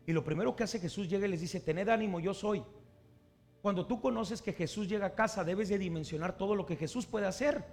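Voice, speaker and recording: A man's voice: sits high, fast, few pauses, a little mellow, soft background music. A man preaching a sermon, asking his listeners questions and acting out the people he quotes. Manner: asks the congregation questions and acts out the people he quotes.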